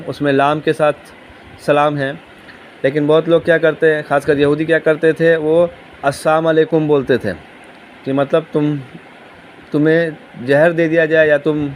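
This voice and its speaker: There's a slight hiss or hum as a religious teacher, his voice on the high side, works through Quran commentary. He explains with patience, quizzes his listeners, and keeps repeating key terms.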